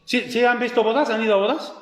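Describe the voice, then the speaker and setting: A high-pitched man preaches to his congregation, stopping often to quiz the listeners. His voice carries through a reverberant church hall with a long echo tail. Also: quick pace. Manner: keeps quizzing the congregation. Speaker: pastor. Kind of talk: sermon.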